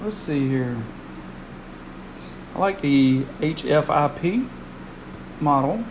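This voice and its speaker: A man's voice: on the high side, lively intonation, takes it slowly, background noise. A man giving casual live weather commentary as a streamer, repeating phrases for emphasis.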